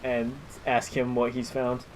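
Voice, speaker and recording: A man chats as a player in a tabletop game. His pitch is average, and there is clear noise behind him. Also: monotone, unhurried, poor audio. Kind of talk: casual tabletop game chat.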